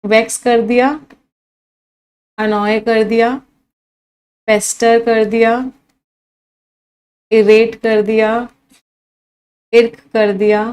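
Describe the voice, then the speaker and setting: Young woman, Indian English accent, fairly high voice, exam-prep vocabulary teacher who repeats and quizzes. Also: level tone, extremely slow, long pauses, a little mellow, clean tone.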